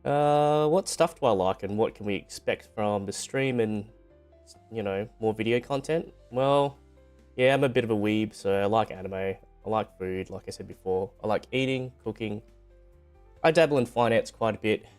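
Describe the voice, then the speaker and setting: A man with a fairly low, clean and smooth voice talks as a streamer to his viewers. His delivery is informal and rambling, with light self-deprecation and a loose conversational feel. Music plays faintly behind him. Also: moderate pace, a little mellow. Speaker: VTuber streamer on debut stream. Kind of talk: casual livestream chat. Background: background music.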